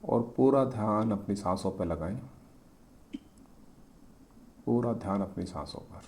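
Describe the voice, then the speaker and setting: A man with a lowish voice leads a meditation, calmly and gently offering instructions in short, paused phrases. There's a slight hiss or hum in the background.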